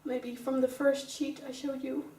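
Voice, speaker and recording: A woman's voice: high voice, little pitch movement, unhurried, warm tone, a little hiss or hum. A young woman with a Dutch accent, teaching an English grammar lesson step by step and calling on pupils by name. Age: young adult. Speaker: student teacher. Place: classroom. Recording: roomy classroom sound, mic far away.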